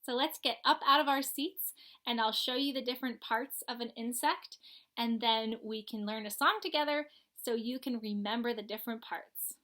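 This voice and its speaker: At a normal speed and with a sharp, slightly high voice, a young woman teaches children about gardening from her home living room. She explains clearly and simply, inviting everyone listening to participate.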